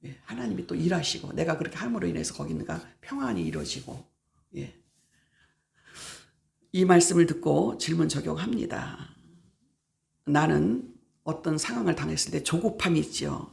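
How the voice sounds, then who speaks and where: A woman's voice: low voice, vocal fry, a little mellow. A middle-aged woman pastor preaching at a prayer meeting, stressing her points by repeating words and acting out everyday exchanges. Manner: emphatic, repeats key words, acts out everyday dialogue.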